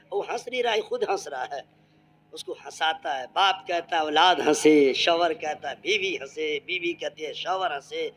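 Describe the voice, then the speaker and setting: A man from Bengal, India, giving a humorous storytelling religious speech at a public gathering. His jokes turn into loud exhortation. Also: high voice. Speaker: Islamic preacher.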